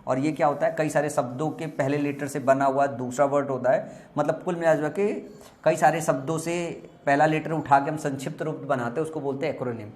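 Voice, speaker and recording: A man whose first language is Hindi, teaching exam vocabulary, explaining slowly, repeating words and spelling them letter by letter. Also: fairly high pitch, steady tone, a little mellow, echoey room.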